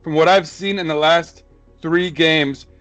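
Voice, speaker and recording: A man's voice: on the high side, a little slow, faint music behind. A man hosting a football podcast, an English teacher, talking loosely with lots of fillers, laughs and swearing. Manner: animated, laughs often, swearing, many fillers. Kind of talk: casual podcast chat.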